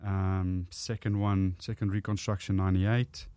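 A man in his forties with a thick South African accent, Afrikaans his first language, telling his life story as a podcast guest in an earnest, measured way; his voice is deep and husky. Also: little pitch movement, mellow, no echo, studio quality. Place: studio.

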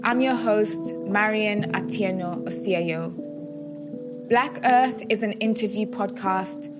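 A woman hosting an interview podcast, reading a measured introduction and asking questions. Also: mid-range voice. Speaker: podcast host. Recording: music under the voice.

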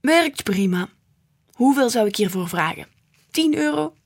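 Woman doing a gruff, unflappable old grandpa. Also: a little high, lively intonation, a little slow, voice pushed up, exaggerated voice. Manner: grumbling, unflappable.

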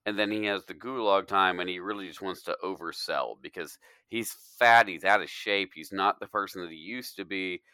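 Man, low pitch, piercing bright tone, emphatic, casual film chat. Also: moderate pace, few pauses, smooth, no room sound. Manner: emphatic, profane, pitches theories. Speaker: podcast co-host. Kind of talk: casual movie discussion.

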